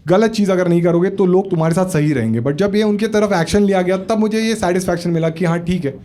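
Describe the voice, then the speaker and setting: Quick-paced and warm, a man from Maharashtra, India, delivers stand-up in a high voice. He tells a story in a conversational way and asks the crowd questions at a comedy club, where the audience laughs.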